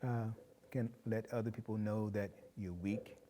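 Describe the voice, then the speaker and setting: A man speaking in a measured, explanatory way with frequent pauses, in a reflective group discussion. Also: fairly low pitch, fairly even intonation, long reverb tail, background noise. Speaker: discussion panelist.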